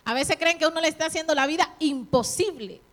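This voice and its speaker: Delivering a brisk sermon, this middle-aged preacher speaks in a high-pitched voice. She encourages the congregation and questions them directly, occasionally acting out what others have said.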